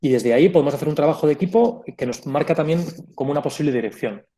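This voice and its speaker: A man's voice: fairly high pitch, quick pace, dark tone. A man giving a reflective pastoral conference talk, explaining ideas with asides and small self-corrections. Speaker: conference speaker.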